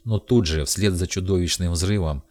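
A man narrating an audiobook in the first person with steady storytelling. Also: deep voice, moderate pace.

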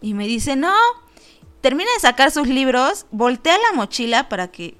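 A woman with a Mexican Spanish accent hosts a radio show, telling a story in a lively, casual manner, voicing the people she quotes and laughing often. Her voice sits high and is smooth, at a moderate pace.

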